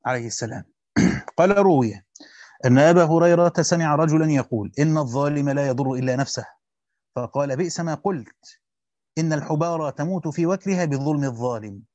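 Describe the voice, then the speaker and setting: Egyptian man, teacher, rapid classical reading, grammar asides, dry dull sound. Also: fairly high pitch, darkish tone, no room sound. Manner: reads quickly, stops to explain grammar and quiz students. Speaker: teacher reading and explaining a Quran commentary. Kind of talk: fast classical Arabic reading with colloquial explanations.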